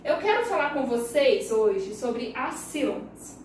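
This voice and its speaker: Woman, Brazilian Portuguese accent, primary school teacher, high-pitched, slow and patient, spells out syllables, very reverberant room. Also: sing-song, darkish tone, a little hiss or hum. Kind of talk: recorded lesson for young children. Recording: very echoey room, voice far from the mic.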